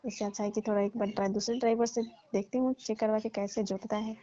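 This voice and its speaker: On a dull lo-fi phone call recording, a woman with a medium-pitched, dark-toned voice talks quickly with little pitch movement. In this comic phone conversation she plays a farm owner, chatting casually and explaining herself.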